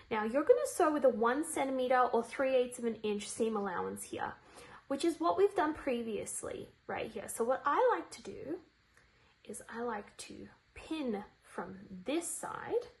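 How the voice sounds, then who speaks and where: A woman with a fairly high voice hosts a sewing tutorial, chatting informally and playfully as she talks viewers through each step of the craft. The recording is rough.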